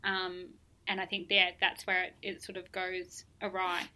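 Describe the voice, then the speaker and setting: A woman's voice: lowish voice, completely flat delivery, unhurried, pushed and bright. A woman hosting a casual talk, swearing casually and laughing often as she leads the conversation. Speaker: podcast host. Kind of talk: casual chat.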